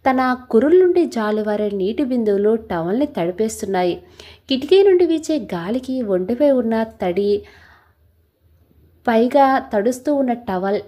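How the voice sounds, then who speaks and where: A woman narrating a scripted story in a steady, even reading. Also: on the high side, breathy edge.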